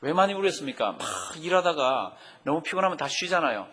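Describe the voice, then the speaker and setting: A man's voice: on the high side, big pitch swings, quick pace, sharp tone, breathy edge. A man preaching a Bible-teaching sermon, often putting questions to the congregation. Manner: asks the congregation frequent questions. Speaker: pastor. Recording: long hall reverb.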